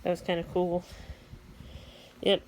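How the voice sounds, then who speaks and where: Speaking unhurriedly in a fairly low, flat voice, an amateur weather radio vlogger half mutters to herself while giving casual, rambling commentary to a phone. She's in a room at home at night. The poor-quality handheld recording has faint background noise.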